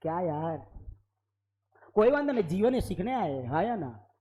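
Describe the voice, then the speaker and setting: पुरुष, मुंबईया हिंदी लहजा, कक्षा, अकाउंटिंग लेक्चर, ऊँची आवाज़, जीवंत अंदाज़. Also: male voice, high-pitched, unhurried, rough recording. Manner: lively, keeps prompting students for yes or no. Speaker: accounting teacher. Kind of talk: classroom lecture. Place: classroom with students.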